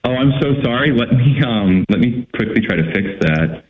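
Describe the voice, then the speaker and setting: A man's voice: medium pitch, animated, normal speed. A male caller on a phone line so echoey that he sounds like he is in an echo chamber. He speaks politely and hesitantly, with fillers.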